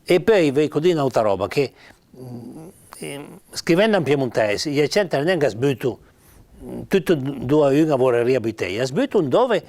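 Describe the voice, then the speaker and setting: A writer with a Piedmontese accent gives an informal spoken lesson on spelling, patiently saying example words slowly and more than once and using frequent fillers. His mid-range voice is very animated and a little mellow.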